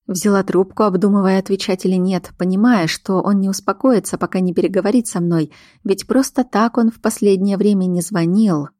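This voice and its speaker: A woman's voice: medium pitch, steady tone, a little fast, few pauses, dark tone, no echo, clean studio sound. A woman narrating a first-person audiobook in a weary, wry inner-monologue manner.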